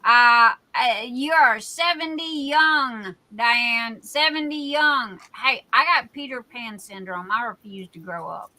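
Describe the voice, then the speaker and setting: A woman's voice: a little high, slow pace, few pauses, pushed and bright, poor audio. A woman in her sixties hosting a casual livestream from home, chatty and rambling as she drifts from one thought to the next. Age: 60s. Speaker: livestream host and craft shop owner.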